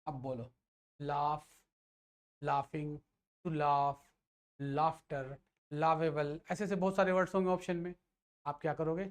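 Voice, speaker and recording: Slow and level, with frequent pauses, this man's slightly high voice carries a classroom grammar lecture. He keeps throwing out questions to students, then answers them on his own.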